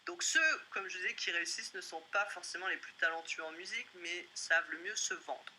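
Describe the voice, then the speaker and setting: A woman's voice: lowish voice, expressive, a little fast, sharp tone, slight background noise, poor audio. A woman presenting a webinar as a music business coach, talking directly and conversationally to her listeners.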